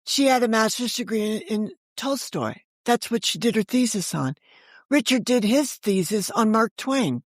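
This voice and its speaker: This is a podcast interview in which the guest, an older author who once edited books, tells lively stories, acting out conversations and posing rhetorical questions. Her slightly high voice moves at a moderate pace with lively intonation, recorded in studio quality with no room sound.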